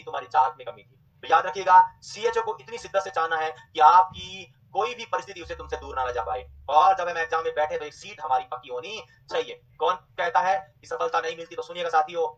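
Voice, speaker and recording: A man teaching a nursing exam class, repeating terms slowly and quizzing his students. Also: fairly high pitch, fairly bright tone, distant mic, muffled recording. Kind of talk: online exam coaching lecture.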